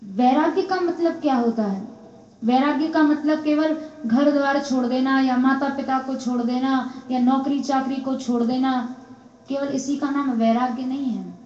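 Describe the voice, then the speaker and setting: A high-pitched woman teacher speaks slowly and deliberately, chanting Sanskrit verses before unpacking each one with rhetorical questions. She was recorded on a mobile phone in a home living room, so the sound is roomy and a bit muffled. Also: steady tone, a little mellow. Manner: recites Sanskrit verses, then explains them with rhetorical questions. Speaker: spiritual teacher. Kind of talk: devotional discourse. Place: private home.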